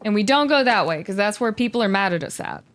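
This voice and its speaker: A woman hosting a let's-play, thinking aloud with curiosity as she narrates her moves, sometimes dropping to a hush. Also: mid-range voice, lively intonation, fast talker. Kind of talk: casual gameplay commentary. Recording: faint game music behind.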